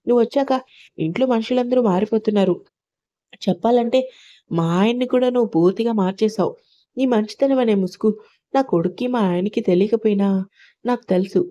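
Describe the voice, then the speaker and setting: A woman's voice: on the high side, brisk, pauses often, natural voice. A woman voicing a bitter, suspicious older mother-in-law who rebukes her daughter-in-law, on a dull lo-fi recording. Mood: bitter accusing. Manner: accusing, sharp rebukes.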